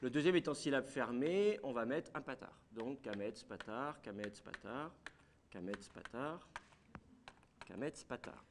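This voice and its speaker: A man's voice: mid-range voice, expressive, unhurried, slight background noise. Man teaching a class. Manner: explains step by step, asks the class questions. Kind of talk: classroom lecture.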